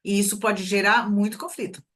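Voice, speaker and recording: A middle-aged woman speaks in a reflective, conversational way and often illustrates her points with examples from daily life. Her voice sits at an average pitch for a woman, and she sounds like an expert guest talking in an interview. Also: fairly even intonation, a little fast, fairly bright tone. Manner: reflective, explains with everyday examples. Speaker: guest expert on workplace communication.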